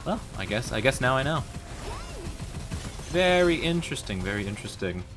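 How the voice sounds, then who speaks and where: A man's voice: mid-range voice, big pitch swings, moderate pace. A man livestreaming games, talking casually and bantering playfully with his chat. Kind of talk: casual gaming stream chat. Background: faint music.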